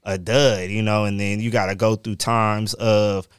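A middle-aged man with a Bay Area accent chats casually in a lowish, smooth voice. His talk is slangy and profane, checking in with listeners often. The recording is close and dry. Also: level tone, a little slow, dry recording. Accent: Bay Area Californian. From Northern California. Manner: slangy, profane, peppered with "you know what I mean". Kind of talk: casual chat.

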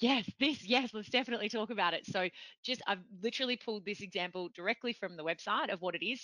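Chatty woman host, bright voice. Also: on the low side, no echo. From from outside Europe. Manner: chatty, self-deprecating, rambling. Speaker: interview host. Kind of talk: casual interview chat.

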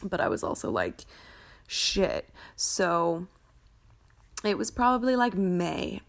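A woman's voice: on the low side, wildly swooping pitch, measured pace, vocal fry. A woman hosting a podcast, telling personal stories in a candid, informal way with casual swearing. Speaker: podcast host. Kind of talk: confessional personal storytelling podcast.

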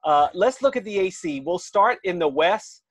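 A man's voice: high voice, lively intonation, normal speed, dry recording. Man co-host reading betting odds. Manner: leads the talk, reads odds, asks questions. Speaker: sports betting podcast co-host. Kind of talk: casual sports chat.

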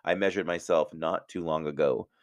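A man's voice: very deep voice, steady tone, moderate pace, dry recording, lo-fi sound. A middle-aged man hosting a podcast, telling a personal story in a chatty, self-mocking way and laughing at his own jokes. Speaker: podcast host. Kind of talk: casual storytelling.

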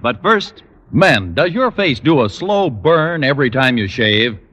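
A man announcing on an old broadcast disc in a polished 1950s radio style, with an emphatic sales pitch. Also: expressive, a little slow, fairly bright tone, slightly rough. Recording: old broadcast disc, reverberant, music behind.

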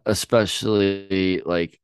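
Young male co-host, deep and resonant, halting and laid-back delivery. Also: fairly even intonation, smooth, no echo. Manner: hesitant, halting, many ums and restarts. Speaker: podcast co-host. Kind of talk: casual chat reacting to songs.

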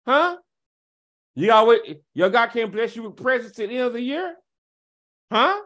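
A man with a high voice rants straight at his audience. He taunts them with rhetorical questions, scoffs and laughs, then drops into low, slow muttering. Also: fairly bright tone. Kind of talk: confrontational rant to camera.

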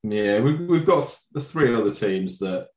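A man's voice: on the low side, expressive, moderate pace. A man hosting a casual quiz among friends on a football podcast, with easygoing banter. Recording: roomy, echoey sound.

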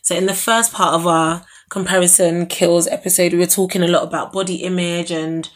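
A woman's voice: on the low side, steady tone, a little fast, slight background noise. A woman in her twenties with an Essex accent, hosting a casual podcast in a chatty, slangy way. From Essex, England. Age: 20s. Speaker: podcast host.

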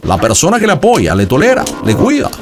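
A man's voice: on the high side, wildly swooping pitch, fairly quick. Man doing a melodramatic fortune teller, wildly swooping voice, music playing behind. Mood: dramatic. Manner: dramatic, sing-song, leading questions. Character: theatrical male psychic reading cards and shells. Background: background music.

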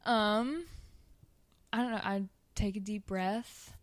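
A woman's voice: medium pitch, steady tone, slow, dry recording. A young woman guest speaking casually in an interview, with hesitant, informal phrasing that tends to trail off. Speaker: podcast guest, ice bath coach.

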